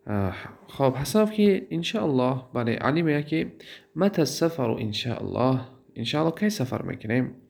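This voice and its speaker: A man with a Tajik accent teaching a grammar lesson. He drawls out word forms, asks questions and answers them himself, and pauses on fillers. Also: mid-range voice, very animated, gravelly, darkish tone. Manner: drawls out word forms, repeats them slowly, then translates. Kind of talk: classroom lesson.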